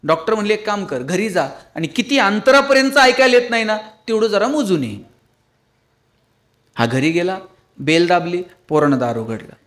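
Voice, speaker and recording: A man's voice: high voice, sing-song, moderate pace, a bit bright. A man giving a motivational lecture to an audience, telling funny stories and pleading with his listeners. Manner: storytelling with humor, pleading with the audience. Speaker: public speaker.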